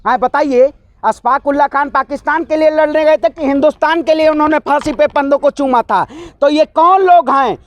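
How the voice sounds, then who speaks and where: Recorded dry, a very high-voiced man being interviewed launches into a heated political tirade at normal speed. He's combative and forceful, firing rhetorical questions at the listener again and again.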